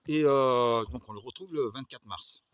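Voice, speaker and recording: A man's voice: mid-range voice, normal speed, lo-fi sound, a little hiss or hum. A man from the Agen area telling a long personal story, hesitant and full of fillers and restarts. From Agen area, southwest France.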